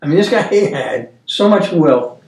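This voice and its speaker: A man in his seventies hosting a casual Bible discussion, earnest and storytelling, with halting restarts. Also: on the high side, lively intonation, darkish tone. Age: 70s. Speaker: Bible study host. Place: dining room table, indoors. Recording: roomy, distant mic.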